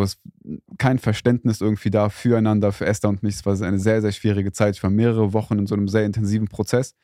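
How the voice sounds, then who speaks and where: A man's voice: lowish voice, mellow, no echo, studio quality. A young man co-hosting a casual faith podcast, talking in a rambling, hesitant way with many fillers. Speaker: podcast co-host.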